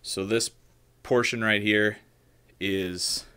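A man in his thirties talks through a modeling project from a small room at home, loose and unscripted, often restarting and checking in with "right?". His voice sits low yet sounds forward and crisp. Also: steady tone, slow pace, bright, forceful tone. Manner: loose, thinking aloud with frequent "right?" and restarts. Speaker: maker demonstrating 3D modeling. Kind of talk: casual screen-share tutorial.

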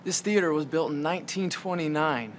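A man's voice: a little high, fairly quick, slight background noise. A man giving an enthusiastic casual tour through a theater, pointing out the stage and lobby. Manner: enthusiastic, showing off. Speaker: tour guide. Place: inside a theater.

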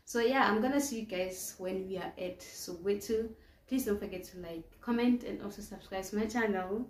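A woman's voice: medium pitch, normal speed, roomy sound. Chatty South African woman vlogger. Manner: chatty, upbeat, lots of ums and fillers. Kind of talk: casual vlog talk to camera. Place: indoors in front of a plain wall.

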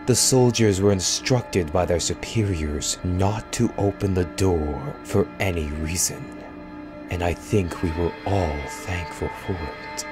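A man giving a dramatic first-person horror story reading in a grave, deliberate manner, trailing off quietly at phrase ends. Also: sits low. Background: faint music.

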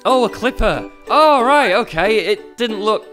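A man's voice: sits high, expressive, a little slow, a bit bright. A British man in his twenties doing casual, jokey, sarcastic and sweary gaming commentary for his channel. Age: 20s. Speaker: YouTube gaming host. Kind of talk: casual let's-play commentary. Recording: music behind the voice.

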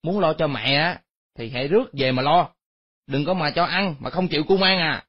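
A woman's voice: low voice, a little fast, slightly rough, pitched below the performer's own voice. A woman voicing an angry grown son who lectures his sisters harshly. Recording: dull lo-fi sound.

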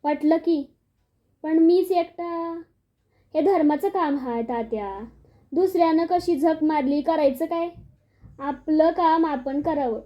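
A grave old village man in an audio storybook, speaking slowly and solemnly, as a woman reader puts him on. The voice is high, and the recording sounds dull and lo-fi.

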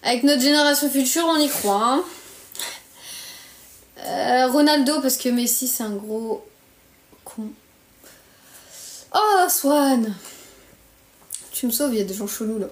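This live streamer, a woman from France in her early twenties, speaks slowly in a high voice with long pauses. She chats casually, blunt and slangy, griping away in a French accent. The small bedroom and arm's-length phone make the sound echoey.

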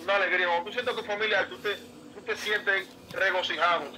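A man's voice: high voice, fairly even intonation, brisk, sharp tone, slight background noise, poor audio. A man talking as a baseball player guest in a casual interview, earnest and emotional, often repeating himself. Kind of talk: casual interview, heartfelt storytelling.

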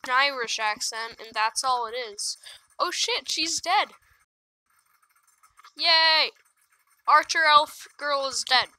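A woman commentating her own gameplay in a high voice with a very bright, cutting edge. She talks slowly and drily, with sarcastic complaints and casual swearing throughout. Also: no room sound, poor audio. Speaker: gaming video creator.

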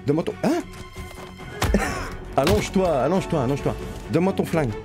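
A man with a high voice riffs through his gameplay, joking and yelling at the characters. His pitch swings wildly as he talks. Soft music plays in the background. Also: animated, fairly quick. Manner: joking, laughing, shouting at game characters. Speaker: gaming youtuber. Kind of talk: comic gameplay commentary.

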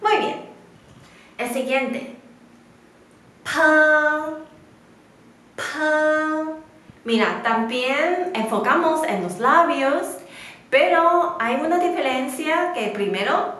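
Slow high-voiced Chinese teacher, echoey room. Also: female voice, lively intonation, a bit bright. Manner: slow, patient, with non-native Spanish grammar; models syllables in clear, drawn-out repetitions. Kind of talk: beginner language lesson.

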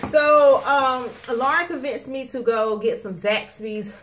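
A woman in her thirties hosts a casual mukbang at the dining table in her home living room, chatting and complaining to viewers. Her voice is high and a bit bright, a little slow. A camera across the table picks her up in a noisy home room recording.

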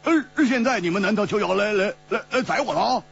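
A man's voice: high-pitched, brisk, creaky, fairly bright tone, slightly rough, pitched above the performer's own voice, exaggerated voice. A man voicing a bold, jovial swordsman who laughs and teases his captors, in pingshu storytelling style. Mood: mocking bravado. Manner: laughing, teasing storyteller's character voice. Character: bold, jovial male swordsman, boastful and mocking. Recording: dull lo-fi recording with mains hum.

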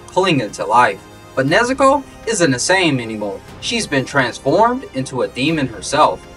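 A man's voice: a little high, fairly bright tone, distant mic. A man narrating an anime recap from a script in a dramatic, ominous manner, like a movie trailer voiceover. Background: music.

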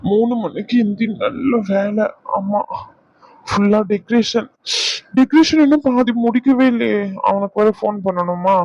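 A man voicing a gentle elderly grandfather in a cartoon, soothing and patient. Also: sits high, measured pace, vocal fry, no echo. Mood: weary. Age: older. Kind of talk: cartoon voice acting. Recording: dull lo-fi sound.

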